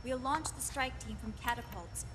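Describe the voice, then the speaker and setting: A woman voices a grave commanding officer giving a mission briefing for a video game, reading from a script. Her somewhat high voice, near her everyday tone, moves at a moderate pace against a noisy background, music, and long hall reverb.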